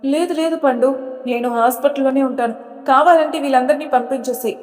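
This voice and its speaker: A woman narrator voices a frightened young wife in an audio storybook, pleading and anxious. Her voice is fairly high. Long reverb follows each line. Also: fairly quick, a little mellow, close to an everyday voice.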